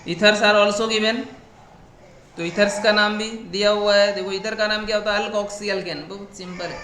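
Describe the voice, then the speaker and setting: A man with an Indian English accent teaching a chemistry lesson, explaining slowly and often checking with a quick "right?". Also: sits high, steady tone, bright, forceful tone. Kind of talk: recorded class lecture. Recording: echoey room, faint background noise.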